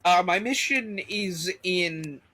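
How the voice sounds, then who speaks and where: A young man in a group voice call, joking crudely and bursting into loud outbursts over gameplay. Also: high voice, lively intonation, takes it slowly, breathy edge, faint music behind.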